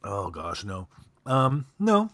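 A man's voice: fairly low pitch, huge pitch swings, slow, a bit bright, no room sound. A man co-hosting a casual radio show, rambling and hesitant, with lots of fillers and restarts. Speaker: radio co-host.

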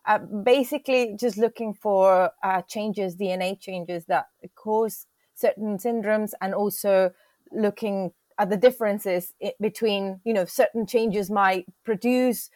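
A woman researcher as a podcast guest, measured and pausing on fillers as she explains genetics work. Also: mid-range voice, darkish tone, no echo. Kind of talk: casual interview.

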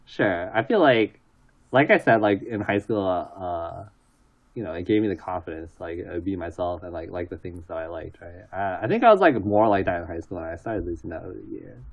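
Gravelly, husky laid-back guy. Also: low-pitched, animated, fairly quick, narrow, tinny audio. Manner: laid-back, offhand, swears casually. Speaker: interview guest. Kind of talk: casual interview chat.

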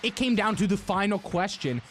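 High-voiced playful male host. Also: expressive, fairly quick, soft background music. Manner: playful, teasing, segment-introducing. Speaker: sports show host. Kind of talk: casual sports and pop culture chat.

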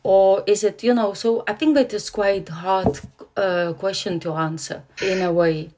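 A woman's voice: medium pitch, steady tone, a little slow, a little mellow. A woman from Lithuania with a Lithuanian accent, a composer answering interview questions hesitantly and searching for words.

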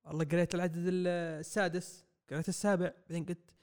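A young man, rambling excitedly through a comic review on a podcast mic. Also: high-pitched, very fast. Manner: excitable, rambling, acts out quotes. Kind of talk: casual podcast review chat. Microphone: podcast microphone.

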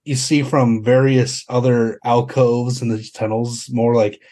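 A man runs a tabletop horror game with a slow delivery. He improvises his descriptions haltingly, feeling for the next word, at an average pitch for a man. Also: little pitch movement, mellow. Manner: halting, searching for words. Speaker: game master.

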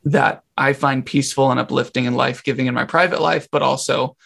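A man appearing as a guest on a podcast, thinking aloud and often restarting his phrases. His voice has a mid pitch and a gravelly, creaky texture. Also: steady tone, brisk, fairly bright tone. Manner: reflective, searching for words, restarts phrases. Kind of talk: casual podcast conversation.

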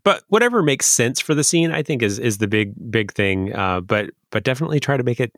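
Halting man on a dry podcast mic. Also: medium pitch, animated, a bit bright, dry recording. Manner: halting, many restarts and fillers. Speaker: podcast co-host, dungeon master. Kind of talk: casual podcast chat.

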